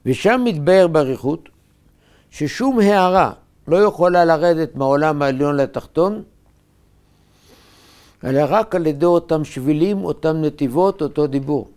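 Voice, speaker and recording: A man, a rabbi, preaching a sermon in short, emphatic, measured phrases. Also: a little high, lively intonation, a little mellow.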